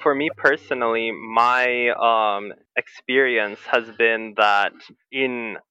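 Bright, crisp voice speaking earnestly. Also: medium pitch, steady tone, takes it slowly, no room sound, highs cut off. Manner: earnest, emphatic, some "like" and "um". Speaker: panel guest. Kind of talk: advocacy talk on a podcast panel.

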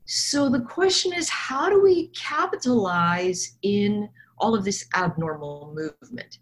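A woman with a hoarse, froggy smoker's rasp gives conversational market commentary, rambling and thinking aloud as she goes. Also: medium pitch, lively intonation, unhurried, poor audio. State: hoarse from coughing. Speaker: trader and technical analyst guest.

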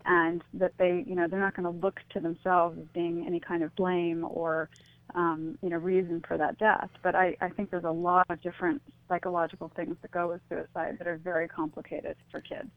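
A middle-aged woman, interviewed by phone on a radio show, lays out her thoughts earnestly and reflectively, saying "you know" a lot. Her fairly low voice is brisk and level in tone, carried over a thin, dry line with no echo.

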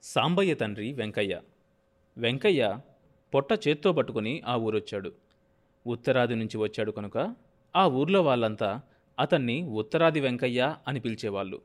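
A man narrating a novel as an audiobook, in a steady, measured storytelling manner. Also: medium pitch.

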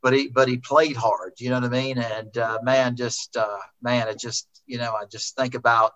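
A man's voice: medium pitch, level tone, moderate pace, a bit bright. A middle-aged man, a racing driver, rambling and repeating himself as he remembers a friend in a heartfelt conversation. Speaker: racing driver, interview guest. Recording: dull lo-fi sound.

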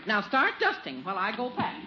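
Matronly radio-comedy aunt: older, disapproving, instructing, expressive pitch, noisy 1940s broadcast. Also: female voice, a little fast, lo-fi sound. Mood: bossy.

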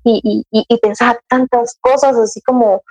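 A woman's voice: fairly high pitch, steady tone, moderate pace, darkish tone, faint music behind, low-quality recording. Chatty young woman. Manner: chatty storytelling, acting out her own past words, many restarts. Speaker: guest sharing her motherhood story. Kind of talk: casual chat.

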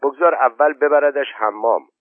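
A man voicing a calm, practical mother giving gentle instructions. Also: mid-range voice, dry recording, pitched above the performer's own voice, natural voice. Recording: tinny narrow-band, dry.

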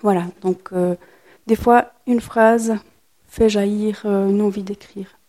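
A woman author reads her own plays aloud to a live audience in a soft, mellow voice. Between readings she comments and pauses often to search for words. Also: medium pitch, fairly even intonation.

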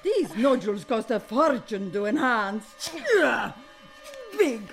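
An actress playing a vain, demanding diva in a satirical drama, bossy and histrionic. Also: female voice, a little high, animated, slow pace, soft background music. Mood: demanding, fussy. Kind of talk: satirical audio drama acting.

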